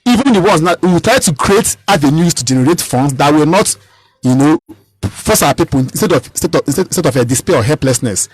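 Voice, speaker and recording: Emphatic Nigerian man, fast and high. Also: animated, husky, low-quality recording. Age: 30s. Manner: emphatic, repeats and restarts phrases. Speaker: political candidate. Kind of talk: radio interview.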